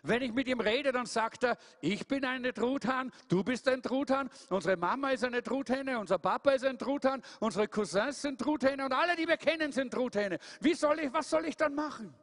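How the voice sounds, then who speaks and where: A man's voice: extremely high pitch, normal speed, few pauses, a bit bright, long reverb tail, pitched above the performer's own voice. A man voicing a restless young male turkey who longs to fly, pleading and repeating himself.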